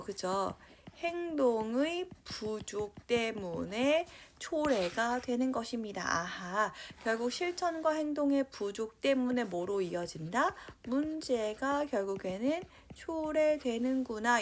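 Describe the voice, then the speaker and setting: A woman teaching a high school English grammar lesson. She talks lively, keeps checking in with her students, and reads English sentences out slowly as she writes them. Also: a little hiss or hum. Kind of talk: online grammar lecture.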